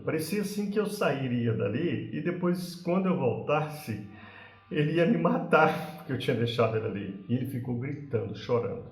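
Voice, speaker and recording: A man's voice: a little high, a little mellow. A man in his forties with a Brazilian Portuguese accent, a parenting channel host telling a personal story in a casual, conversational way with frequent tag questions. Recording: roomy echo.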